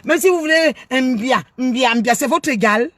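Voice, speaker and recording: High-voiced scolding woman. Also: lively intonation, moderate pace, fairly bright tone, dry recording. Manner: scolding, lecturing, combative, repeats her points. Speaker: life coach commentator. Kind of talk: angry monologue to camera.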